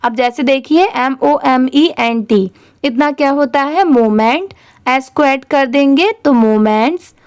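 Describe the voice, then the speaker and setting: A young woman teaching English reading, spelling each word out letter by letter slowly and clearly. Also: high voice, darkish tone.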